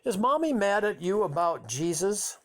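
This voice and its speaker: A man's voice: high voice, big pitch swings, normal speed, voice pushed up. An older man reading a memoir voices a small boy asking earnest, puzzled questions. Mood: wondering. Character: small boy, eager and hurt.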